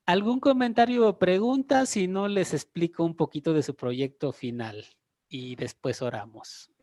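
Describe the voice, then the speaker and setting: A man, a pastor teaching a Bible class, who talks deliberately and repeats key phrases for emphasis. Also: on the high side, darkish tone, no echo.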